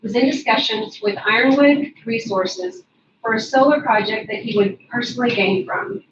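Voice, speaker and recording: A woman's voice: a little high, normal speed. Lady reading her statement to the court, firm and formal, sounds far off and dull with room echo. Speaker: public commenter at county court. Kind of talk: reading a prepared public statement. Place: county commissioners courtroom. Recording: echoey, distant, dull and noisy.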